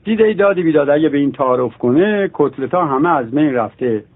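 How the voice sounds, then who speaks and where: A man telling a string of jokes in a lively way, voicing the characters in them. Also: fairly high pitch. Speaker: joke teller. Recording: tinny phone-like radio sound.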